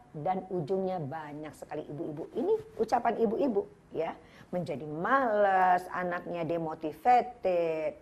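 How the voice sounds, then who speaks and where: Lively older woman teaching parents. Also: fairly low pitch. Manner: lively, acts out parents' scolding voices and addresses the audience directly. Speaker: parenting educator. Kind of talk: parenting seminar talk.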